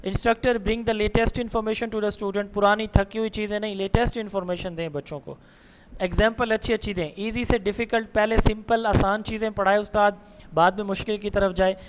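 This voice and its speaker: A man with a Punjabi Urdu accent giving an online exam-prep lecture, reading English slide headings slowly and explaining them in Urdu with religious phrases. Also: sits high, steady tone, smooth. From Pakistan. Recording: long hall reverb with faint noise.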